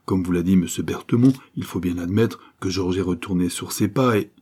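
A man voicing a gentle, calm country priest who speaks in a coaxing way in an audiobook. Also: low-pitched, fairly quick, slightly rough.

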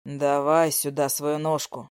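A woman's voice: low-pitched, little pitch movement, slow pace, darkish tone, clean tone, no echo, studio quality, voice pushed down. Woman doing a cold, commanding young man. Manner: cold, curt, growling orders. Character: angry jealous young man, gruff and commanding.

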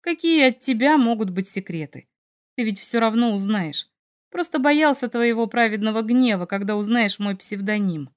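A woman voicing a cocky, teasing young male dragon in a first-person audiobook, in a fairly high, self-assured voice. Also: normal speed, natural voice. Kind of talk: audiobook character reading.

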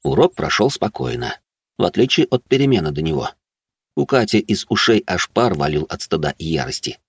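A man narrating a first-person fantasy audiobook in a low-key, wry way. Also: animated, brisk, breathy edge, dry recording.

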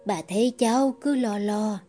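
A man voicing a gentle, worried old grandmother who coaxes and pleads softly. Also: high-pitched, fairly even intonation, normal speed, soft background music, pitched above the performer's own voice. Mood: worried, coaxing. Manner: soft, coaxing, pleading.

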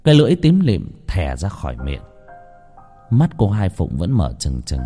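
A man narrating a ghost story in a dramatic, expressive manner. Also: low-pitched, normal speed. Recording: faint background music.

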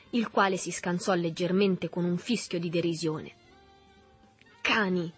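A woman reading a literary novel aloud in a measured, even storytelling manner. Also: lowish voice, husky. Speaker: audiobook reader. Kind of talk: literary audiobook narration.

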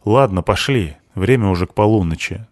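A male audiobook narrator voices a sullen, sharp-tongued girl of seventeen, full of weary sarcasm and bite. His delivery is low, animated and fairly quick, with a sardonic, bitter mood. The recording is dry and close, with no room echo.

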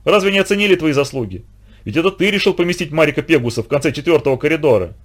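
Man doing a flustered detective guy, lots of exclaiming, quick and bouncy. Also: on the high side, lively intonation. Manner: exclamatory, flowery praise. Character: adult male detective, earnest and flustered.

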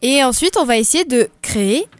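A woman's voice: high-pitched, lively intonation, moderate pace, dry recording. A young woman guest on a casual podcast, explaining things hesitantly and giggling now and then.

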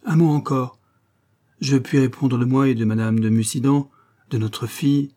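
A man's voice: medium pitch, steady tone, moderate pace, close to an everyday voice. A man voicing a proud middle-aged nobleman who turns indignant and raises his voice in an audiobook scene. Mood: guarded. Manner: indignant, hoarse shouting.

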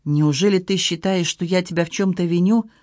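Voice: medium pitch, fairly quick, darkish tone, no room sound, clean studio sound, close to an everyday voice. A reader voicing an anguished man in love, protective and hurt, speaking with emphatic urgency in an audiobook scene. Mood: pained. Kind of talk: audiobook reading.

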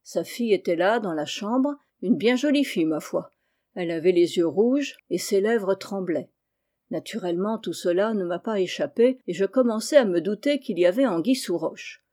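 A woman's voice: medium pitch, lively intonation, normal speed, warm tone, natural voice. Woman reading a boastful male police detective.

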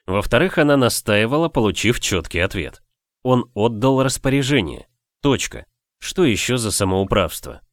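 A man narrating a novel as an audiobook in expressive storytelling. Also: medium pitch, normal speed, dry recording, clean studio sound.

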